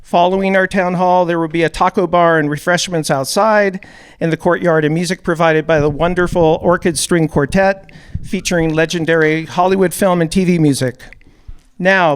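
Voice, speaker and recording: A man's voice: fairly high pitch, smooth. Slightly nervous man giving opening remarks. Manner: a little nervous, reads measured remarks. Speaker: event host, music producer. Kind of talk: prepared opening speech. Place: event hall with audience.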